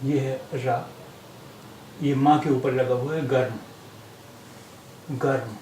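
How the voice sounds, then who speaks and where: A man teaching a language lesson, pausing on fillers and repeating each word several times. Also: medium pitch, level tone, mellow. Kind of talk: slow explanatory lesson. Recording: echoey room with faint hiss.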